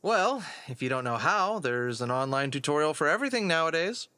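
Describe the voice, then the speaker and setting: Man playing a fox detective, earnest, reassuring, bright voice. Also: on the high side, animated, brisk, clean tone, no room sound. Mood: playful. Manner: gentle, reassuring. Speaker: voice actor. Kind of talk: audio drama acting.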